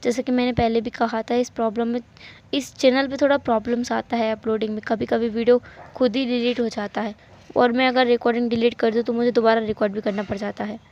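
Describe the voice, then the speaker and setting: A woman's voice: on the high side, level tone, quick pace, darkish tone. A woman narrating a fan fiction story in a chatty way, mixing in English words and talking to viewers. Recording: dull lo-fi home recording.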